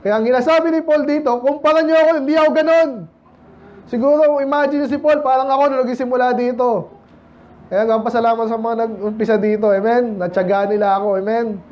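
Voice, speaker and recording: A Filipino pastor with a very high, steady, slightly mellow voice preaches briskly on a muffled recording. His sermon is conversational, full of questions to the congregation, and he mixes English scripture quotes into his Tagalog.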